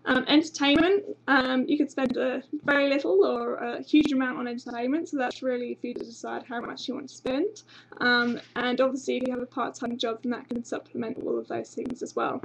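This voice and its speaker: Her high voice holds a steady tone with vocal fry, and she talks fairly quickly. The recording is low quality. She's a young woman from England, her English accent lightly tinged with Australian, giving a chatty, informative university webinar with frequent ums from a small office with a banner behind, using the webcam at her desk.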